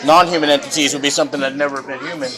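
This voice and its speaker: A man's voice: a little high, fairly even intonation, very fast, over music. A man chatting casually as a participant on a group tour. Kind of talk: casual chat. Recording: crowd chatter around the voice.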